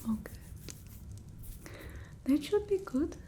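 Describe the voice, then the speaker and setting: Speaking high and animated, a woman plays a doting, bossy vampire who soothes and protects her human familiar. Her soft, breathy ASMR delivery is slow and halting, often whispered, matter-of-fact and gently scolding, with slight background noise underneath.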